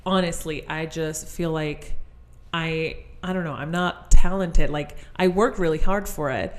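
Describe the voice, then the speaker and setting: A woman from Chile, a guest in a casual interview, speaking modestly and haltingly with restarts. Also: deep voice. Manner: modest, halting, self-deprecating. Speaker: guest photographer.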